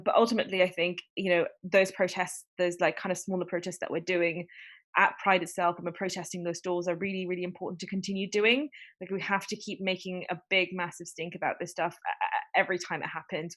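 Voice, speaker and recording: A woman speaking on a video call, an activist in a livestream discussion who talks earnestly with many fillers. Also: fairly low pitch. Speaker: panel guest.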